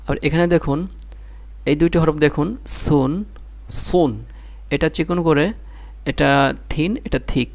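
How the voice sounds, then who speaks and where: A man's voice: fairly high pitch, fairly even intonation, measured pace, long pauses. A man with a Bangladeshi Bengali accent teaching Quran reading, drilling syllables one by one and explaining patiently. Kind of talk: slow spelling-out lesson.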